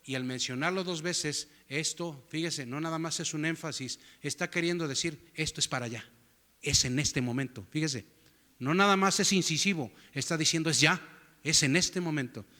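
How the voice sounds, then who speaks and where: A man's voice: fairly high pitch, moderate pace, bright, forceful tone, long reverb tail. A male pastor giving a sermon in a church, often asking the congregation rhetorical questions to keep them following. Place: church sanctuary.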